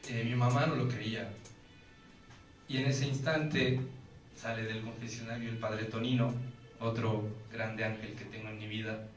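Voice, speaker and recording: A man's voice: on the low side, flat delivery, a little slow, faint music behind. A young Mexican man with a Mexican Spanish accent giving an intense personal faith testimony and acting out the voices of people he quotes. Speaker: testimony speaker. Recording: roomy, distant mic, faint ambience.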